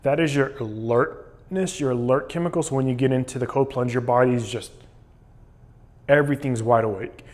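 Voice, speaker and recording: A man's voice: medium pitch, moderate pace, a little mellow. A man talking casually and explaining things in a vlog monologue while sitting in ice cold water. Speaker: vlogger documenting a cold plunge challenge.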